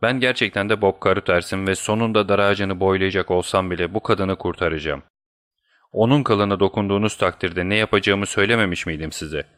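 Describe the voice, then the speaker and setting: A man's voice: sits low, brisk, a bit bright, no echo, studio quality. A man voicing a passionate, fiercely protective young man in an audiobook, speaking defiantly. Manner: impassioned, defiant.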